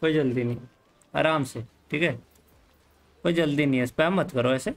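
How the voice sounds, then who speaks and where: A man with an Indian accent streaming a game live, talking casually with viewers, mixing Hindi and English and telling the chat to calm down. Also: fairly high pitch, moderate pace, low-quality recording. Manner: easygoing, mixes Hindi and English, calms the chat. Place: home room, hot.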